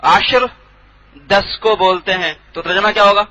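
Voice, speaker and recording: A man teaching a classroom lesson on Quran translation, quizzing his students and repeating each word slowly. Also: high voice, steady tone, bright, forceful tone, dull audio. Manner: drills students with questions and repeats words slowly. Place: classroom without a board.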